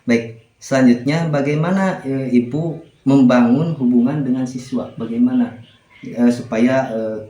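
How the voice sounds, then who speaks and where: A man's voice: mid-range voice, steady tone, unhurried, mellow, dull audio. Polite man interviewer in an echoey room. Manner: frequent agreeing interjections, polite. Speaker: interviewer, school literacy guide. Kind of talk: casual interview conversation. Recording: echoey room with faint noise.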